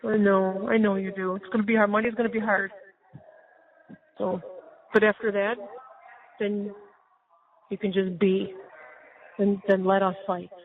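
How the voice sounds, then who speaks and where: A middle-aged woman on a phone call, gently reassuring her daughter. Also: medium pitch, level tone, a little slow, pauses often. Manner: soothing, reassuring. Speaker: parent on a jail call. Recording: tinny jail phone line.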